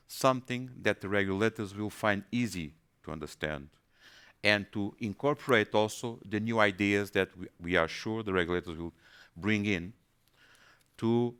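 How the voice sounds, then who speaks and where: A man presenting in a webinar, his voice low and smooth. He hesitates often, repeating words as he searches for the next phrase. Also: fairly bright tone. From Portugal. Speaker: panelist.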